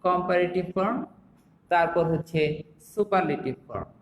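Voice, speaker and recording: A man's voice: high-pitched, moderate pace, echoey room, long reverb tail, slight background noise, poor audio. A young Bangladeshi man teaching an English grammar class online, explaining step by step and asking the students rhetorical questions.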